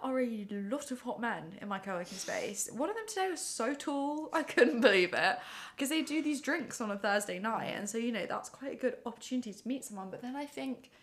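A woman's voice: a little high, animated, brisk. A young woman from Surrey with a posh home counties accent, chatting casually and confessionally in a wry, self-mocking way. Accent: posh home counties English. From Surrey, England.

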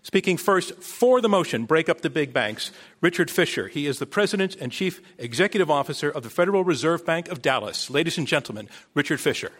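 A man's voice: fairly high pitch, expressive, fairly quick, a bit bright, a little hiss or hum. A man hosting a live debate on stage as moderator, introducing and questioning guests, with an audience behind him.

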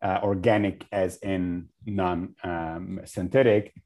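Low, mellow man from Egypt. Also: steady tone. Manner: halting, many fillers and restarts. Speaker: guest, regenerative agriculture advocate. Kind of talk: podcast interview.

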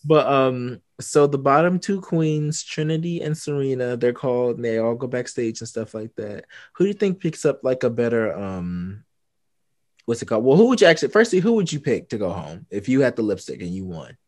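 Casual rambling man, fast and loose. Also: medium pitch, lively intonation, a little mellow, no echo, studio quality. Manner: rambling, fast, filler-heavy, swears freely. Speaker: podcast co-host. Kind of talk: casual chat.

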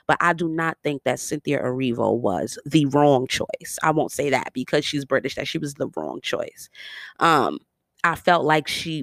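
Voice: mid-range voice, no room sound, studio quality. A speaker with a New York accent giving casual, opinionated commentary with sassy, slangy asides. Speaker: vlogger reviewing a biopic series.

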